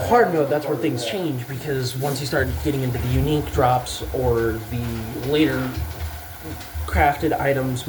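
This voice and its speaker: Male gaming commentator, average pitch, unscripted and meandering, hesitant, casually sweary; noticeable hissing, water-like background noise. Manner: casual, rambling, hesitant thinking aloud. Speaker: gaming video maker. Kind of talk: rambling unscripted game commentary.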